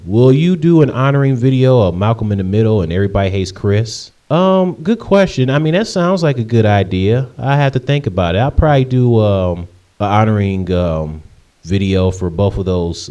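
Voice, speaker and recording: In his casual Q&A vlog, this Michigan man in his late twenties takes viewers' questions with a warm, low-leaning voice. He sounds animated and keeps a moderate pace, rambling along with plenty of ums and restarts.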